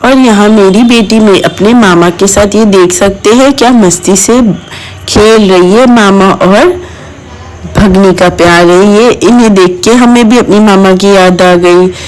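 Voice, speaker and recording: A woman's voice: medium pitch, unhurried, a little mellow, low-quality recording. A woman vlogger and mother narrating a family vlog voice-over, talking straight to her viewers in an emotional, fond way. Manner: keeps addressing viewers directly, emotional and fond.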